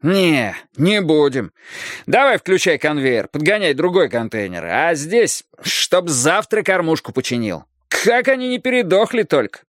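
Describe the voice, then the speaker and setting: Man doing a gruff factory boss, crude and scolding, yells up high sometimes. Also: sing-song, unhurried, dry recording, clean studio sound. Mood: bossy. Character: coarse bossy male poultry-plant worker, seen as a god.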